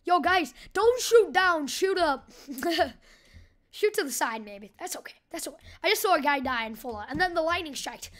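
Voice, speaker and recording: A young woman giving casual gameplay commentary as a channel host, hyper and goofy, joking and bursting into loud yells and silly chants. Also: high-pitched, animated, normal speed.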